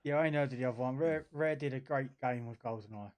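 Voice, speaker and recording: A man's voice: medium pitch, quick pace, a little mellow. A man hosting casual chat on a gaming stream, teasing the others and moving the talk along. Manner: teasing, steers the conversation. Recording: noisy mic with clicks.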